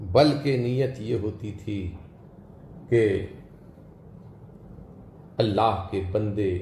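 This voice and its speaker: A man preaching a devotional sermon in a measured, emphatic way, lifting his voice on key words. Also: fairly low pitch, warm tone, roomy sound, slight background noise. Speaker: Islamic preacher.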